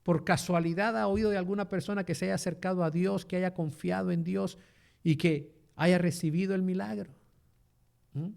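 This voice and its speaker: A man's voice: steady tone, moderate pace, creaky. A male pastor preaching a sermon, dropping in asides of "amén" and "hermano" and putting rhetorical questions to the congregation. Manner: swings between loud emphasis and soft low phrases.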